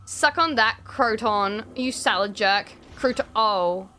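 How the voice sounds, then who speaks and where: A young woman streaming a game, reading the visual novel text aloud with animated, expressive delivery and frequent swearing. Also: mid-range voice, slow pace, slight background noise.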